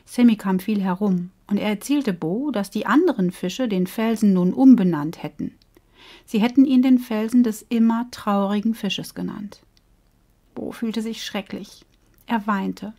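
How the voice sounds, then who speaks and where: Woman storyteller, calm and measured, reads a fable for children and grown-ups. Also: mid-range voice. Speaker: coach and storyteller. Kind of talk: storybook reading for children and adults.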